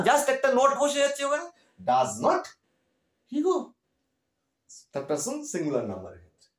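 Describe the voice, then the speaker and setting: A man with a Bengali accent teaching grammar, asking questions and repeating examples slowly. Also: high voice. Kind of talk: grammar lesson. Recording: echoey room.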